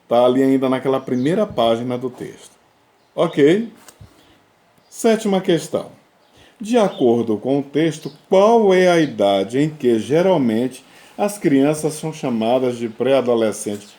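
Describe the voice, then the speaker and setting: A man's voice: mid-range voice, warm tone. A male language teacher giving a remote class, explaining step by step and often checking in with his students. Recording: roomy echo.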